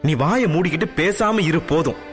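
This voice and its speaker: A man doing a shrill, scolding mother. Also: brisk, lightly acted. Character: middle-aged mother, strict, sharp-tongued, scolding. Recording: music bed, long reverb.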